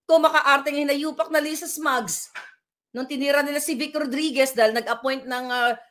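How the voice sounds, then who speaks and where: A woman's voice: high voice, steady tone, moderate pace, a bit bright. A middle-aged woman, vlogging from home with heated political commentary, firing rhetorical questions and mixing English into her talk. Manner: combative, rhetorical questions, Taglish. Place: at home indoors.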